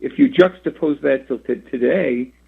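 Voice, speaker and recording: A man in his sixties from Rhode Island, USA, is heard over a phone line as a guest on a radio interview. He speaks haltingly with many fillers and restarts, in a medium-pitched, slightly rough voice with vocal fry.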